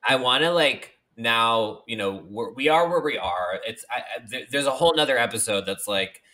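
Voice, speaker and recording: This co-host's mid-range voice is animated, bright, and forceful, and he keeps a moderate pace. He jokes around in relaxed podcast conversation, chatting freely and leaning heavily on filler words.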